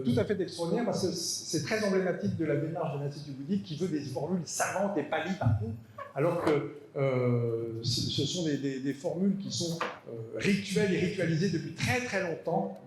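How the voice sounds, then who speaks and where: A man's voice: on the high side, animated, moderate pace, darkish tone, slight background noise. A man giving an academic lecture, hesitant and repeating words, with dry asides. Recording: echoey hall.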